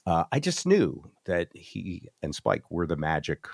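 A man's voice: low-pitched, wildly swooping pitch, measured pace, creaky, dry recording, studio quality. A middle-aged American man, a former radio host, casually reminiscing and acting out old exchanges as he tells the story. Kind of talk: casual reminiscing on a group call. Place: video call.

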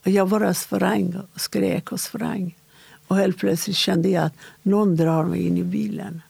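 A woman interviewee recounting a personal story in a halting, measured way, with short pauses. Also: lowish voice, steady tone, gravelly, darkish tone, breathy edge, dry recording.

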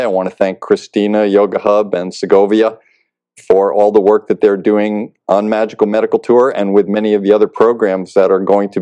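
A man hosting an interview, gentle and appreciative toward his guest. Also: on the low side. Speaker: host.

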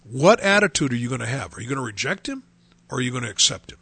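A man's voice: medium pitch, very animated, fast talker, sharp tone, breathy edge, no room sound. A middle-aged man, preaching earnestly as host of a radio talk show and often restarting his phrases. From United States.

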